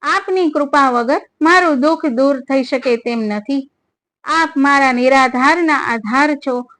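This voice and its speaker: An elderly sage calls on God in slow, devout invocations, as a woman reads his words in her own high voice. It is a storybook reading of an old holy man pleading for rescue. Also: a bit bright.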